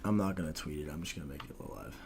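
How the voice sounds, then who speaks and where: A young man trading forex on a live stream, talking casually in slang with a husky voice like a smoker's, often mumbling and trailing off. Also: a bass voice, lively intonation, quick pace, heavy background noise.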